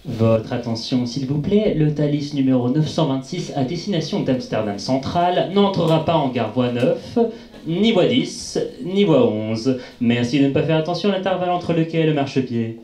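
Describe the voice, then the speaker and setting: An actor playing a deadpan train station announcer, heard over a station intercom with a formal, measured public-address delivery. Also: male voice, a little high. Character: deadpan male station announcer, dryly absurd. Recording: echoey intercom sound.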